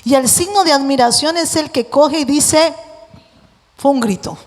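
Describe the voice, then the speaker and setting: A woman preacher giving a lively sermon, acting out voices and joking with the congregation. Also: sits high, normal speed. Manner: animated, acts out voices, jokes with the congregation. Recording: long hall reverb.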